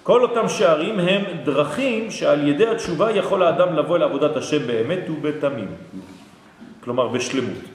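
A man teaching a lecture to a class, lively and often checking that listeners follow. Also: on the high side. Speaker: Torah teacher. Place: hall with an audience. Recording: echoey hall.

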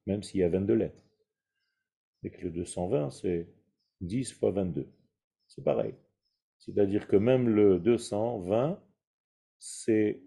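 Man, religious teacher, slow unhurried delivery, husky tone, rhetorical questions. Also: lowish voice, mellow. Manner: didactic, rhetorical questions, Hebrew terms mixed in. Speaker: Kabbalah teacher. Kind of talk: spoken religious lesson.

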